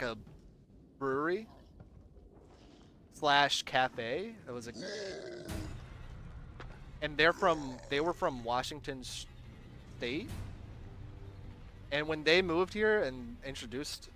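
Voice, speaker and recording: Over slight background noise, a gaming streamer's mid-range voice comes through with a sharp tone. A young Southern Virginian with a mixed American accent, he rambles through casual live-stream chat, replying to viewers and letting sentences trail off.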